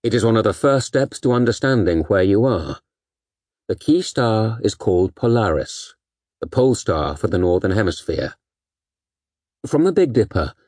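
A man narrates educational material from a script, like an audiobook reader. His voice sits on the low side and his delivery is measured, articulate and formal. The sound is dry, with no room around it. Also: a little mellow, no echo. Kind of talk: scripted educational narration with recited literary quotations.

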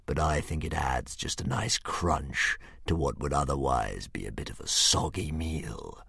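A man voicing a huge, sneering, philosophical male dragon who speaks slowly and with relish. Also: extremely low pitch, gravelly, pushed and bright, husky, dry recording, clean studio sound, pitched below the performer's own voice, full character voice. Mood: menacing. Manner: slow, relishing, hissing menace.

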